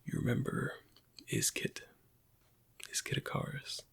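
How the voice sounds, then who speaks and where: In a whispered ASMR roleplay, a man voices a weary, bitter Imperial interrogator, asking questions in a halting, pointed manner. His breathy, husky voice sits close to an everyday register, and the mood is cold and sardonic.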